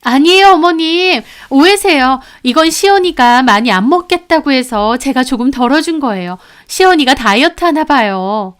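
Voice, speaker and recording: A woman's voice: high-pitched, expressive, moderate pace, hardly any pauses, pitched above the performer's own voice. A woman voicing a sly young stepmother in a storybook who speaks politely and makes excuses. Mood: excusing.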